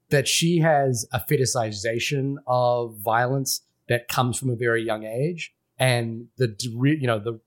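A man from Fiji, a podcast co-host, talking through a film in casual, rambling chat full of restarts and fillers. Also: medium pitch.

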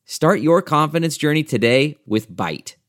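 A man's voice: a little high, lively intonation, a little slow. A man announcer reading a scripted advertisement. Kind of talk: scripted ad read.

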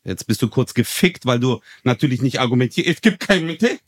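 A man co-hosting a podcast in casual chat, teasing and animated. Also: mid-range voice, brisk, slightly rough, no echo, clean studio sound. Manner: animated, teasing, heavy gesturing. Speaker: podcast co-host.

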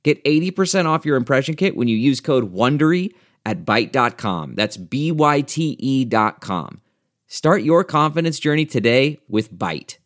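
A man reading a scripted ad in a smooth, upbeat way. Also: mid-range voice, lively intonation, moderate pace. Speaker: ad announcer. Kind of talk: scripted ad read.

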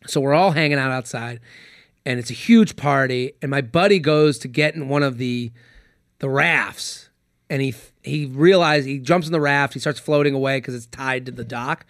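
A man, a comedian guest on a podcast, telling a story in casual chat, animated and swearing freely. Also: medium pitch, normal speed, dry recording, studio quality.

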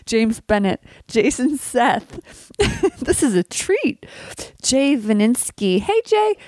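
A woman's voice: on the high side, very animated, slow, a little mellow, no echo. A woman co-hosting a podcast, playful and teasing, with a slight lisp from a retainer. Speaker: podcast co-host. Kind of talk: casual podcast chat.

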